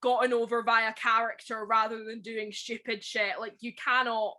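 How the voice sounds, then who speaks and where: Bright high-voiced Scottish woman. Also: little pitch movement. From Scotland. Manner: swears freely, quick emphatic asides with many "like" fillers. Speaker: podcast co-host. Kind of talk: casual chat.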